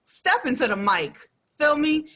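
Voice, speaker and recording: A woman hosting a casual radio interview, her voice bright and sharp-edged. She talks in a chatty, slangy way and laughs easily between lines. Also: high-pitched, big pitch swings, measured pace. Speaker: radio show host.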